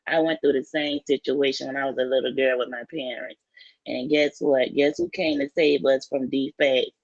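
A woman's gravelly, creaky voice comes through muffled, lo-fi call audio, dry and close with no room around it. She calls in to a livestream and speaks with emotion, stumbling and restarting her words. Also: a bass voice, expressive, moderate pace, a little mellow, dry recording. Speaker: caller on a livestream. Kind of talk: casual heartfelt chat.

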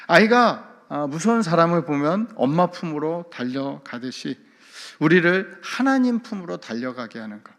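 A man preaching as a pastor at an early-morning service, explaining through rhetorical questions and everyday examples. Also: on the high side. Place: church sanctuary. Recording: long reverb of a church hall.

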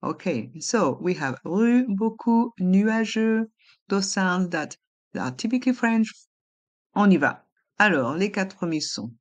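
A woman's voice: medium pitch, animated, takes it slowly, lo-fi sound. A woman teaching French pronunciation, sounding out vowels and words one by one and repeating them for learners. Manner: switches between French and English explanations. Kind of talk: slow, careful pronunciation lesson.

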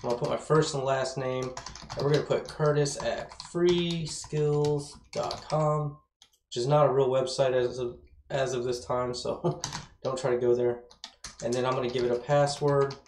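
A man in his thirties, a web development course instructor, gives a casual, enthusiastic screencast tutorial at a moderate pace in a mid-range, darkish voice with fairly even intonation. He sounds slightly slurred and numb-mouthed from dental work. The small room's bare walls make the recording roomy and echoey, with slight background noise.

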